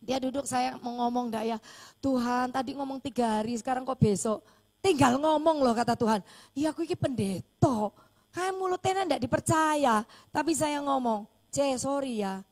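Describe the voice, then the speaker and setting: A high-pitched woman pastor preaching. She tells her story with animated energy and acts out the voices of the people in it. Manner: animated storytelling, acting out dialogue. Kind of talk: sermon storytelling.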